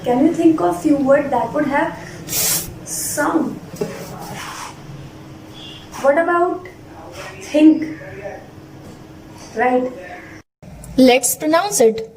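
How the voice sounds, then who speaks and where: A woman gives a children's phonics lesson in a high voice at a very unhurried pace. She sounds words out carefully and prompts repetition. The recording is echoey and a little distant from the mic. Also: darkish tone. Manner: deliberate spelled-out enunciation, sounding words out for repetition. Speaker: phonics teacher. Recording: roomy echo, distant mic, faint noise.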